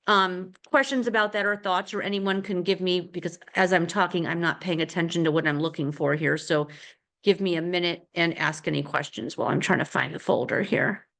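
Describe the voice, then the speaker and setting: A woman's voice: lowish voice, brisk, vocal fry, fairly bright tone. A middle-aged woman leading a casual real estate team training, chatty and rambling, with many fillers and restarts.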